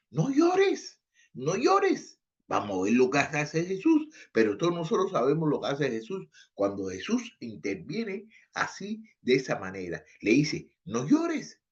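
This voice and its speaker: A man preaching a Bible lesson, his fairly high voice rising and falling a lot as he reads and explains scripture. He throws rhetorical questions at the listeners and repeats his phrases. The recording sounds dull and lo-fi. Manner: repeats phrases, restarts words. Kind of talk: Bible teaching.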